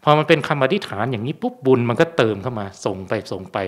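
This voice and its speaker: Chatty monk asking rhetorical questions. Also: male voice, mid-range voice, expressive, fast talker. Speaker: Buddhist monk. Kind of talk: casual Dharma talk. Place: temple.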